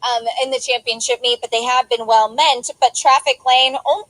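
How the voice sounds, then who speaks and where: A high-pitched woman breaks down a horse race with knowledgeable, chatty analysis while fighting the hiccups. The sound is dry and close, with no room around her. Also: steady tone, normal speed, fairly bright tone, no echo, low-quality recording. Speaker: racing analyst. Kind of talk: horse racing handicapping chat.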